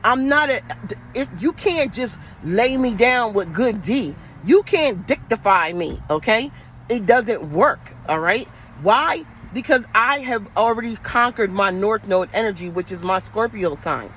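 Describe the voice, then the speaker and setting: A woman's voice: on the high side, lively intonation, a little slow, fairly bright tone, slight background noise, poor audio. A woman with a New York Queens accent ranting casually on a livestream, blunt, streetwise and emphatic, with slang and swearing. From New York City, Queens. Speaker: livestreaming spiritual advisor. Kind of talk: casual, profane livestream rant.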